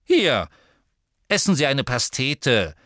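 A man's voice: medium pitch, big pitch swings, takes it slowly, fairly bright tone, dry recording, clean studio sound. A man voicing a pushy, fawning middle-aged male author with an eager, salesmanlike manner. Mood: brisk.

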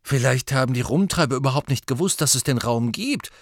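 A glum, terse teenage boy, as a male audiobook reader puts him on. He speaks in short, flat replies. The recording is dry. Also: medium pitch, brisk, no echo. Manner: gloomy, terse.

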